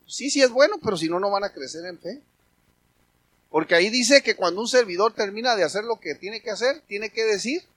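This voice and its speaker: A male pastor, preaching a sermon with sudden loud emphatic bursts. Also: high voice, husky, dry recording, poor audio.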